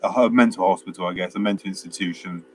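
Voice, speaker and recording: A man's voice: low-pitched, fairly even intonation, racing, a little mellow, a little hiss or hum. A man co-hosting a film review, chatting casually with lots of fillers and restarts. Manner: rambling, many fillers and restarts, acts out quotes. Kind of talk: casual chat.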